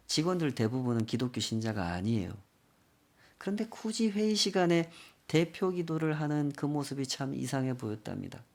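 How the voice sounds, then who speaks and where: A man's voice: medium pitch, creaky. A male pastor preaching a sermon, telling a story with acted quotes and rhetorical questions.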